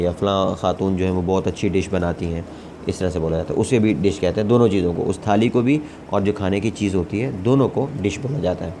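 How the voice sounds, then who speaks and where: A man runs a vocabulary lesson with repetition drills, saying each English word several times before explaining its meaning. His voice is low and dark-toned, and there's a little hiss or hum on the audio.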